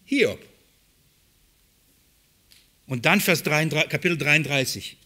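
Animated preacher man, lilt. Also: on the high side, takes it slowly. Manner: animated, swings from loud emphatic quotes to quiet asides. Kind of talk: sermon.

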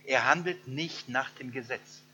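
A middle-aged man preaching a sermon, animated and often acting out the people in his story with a laugh. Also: mid-range voice, measured pace, a little hiss or hum. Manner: animated, acts out quoted voices, laughs often.

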